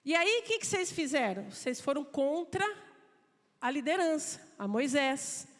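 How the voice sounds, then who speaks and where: A woman preaching a sermon, talking to the congregation in a lively, conversational way and acting out quotes. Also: sits high, normal speed. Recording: long reverb of a church hall.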